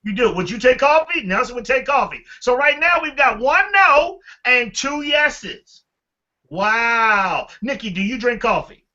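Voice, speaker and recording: A man leading a motivational team training call, energetic and animated, calling on listeners by name. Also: extremely high pitch, measured pace, lo-fi sound. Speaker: team leader.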